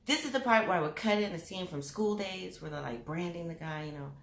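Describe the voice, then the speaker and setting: A woman's voice: lowish voice, a little fast, vocal fry, a bit bright. A woman hosting her own vlog, chatting to camera in a giggly, rambling way that drifts into tangents. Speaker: vlogger and channel host. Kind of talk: casual chat to camera. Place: room with mirrors. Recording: echoey room.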